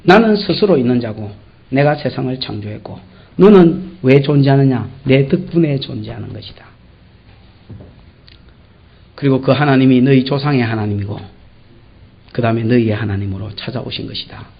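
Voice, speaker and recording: A man's voice: mid-range voice, a little fast, vocal fry, pitched below the performer's own voice, lightly acted. A man voicing God as a confident almighty male deity, speaking in a fatherly way with a Gyeongsang accent. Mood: solemn. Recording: dull lo-fi church recording.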